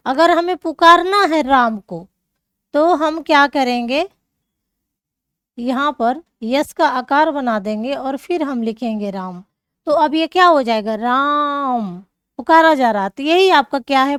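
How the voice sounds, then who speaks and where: A woman's voice: sits high, a little slow, fairly bright tone, no room sound, clean studio sound. A woman teacher explaining grammar rules step by step, checking in often with her students. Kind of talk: classroom lesson.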